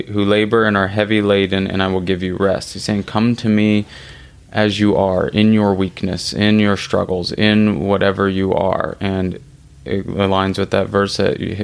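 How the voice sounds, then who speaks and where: A man co-hosting a faith podcast, speaking in a slow, measured way. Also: low-pitched, gravelly, clear, resonant tone. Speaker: podcast co-host. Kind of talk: casual faith chat.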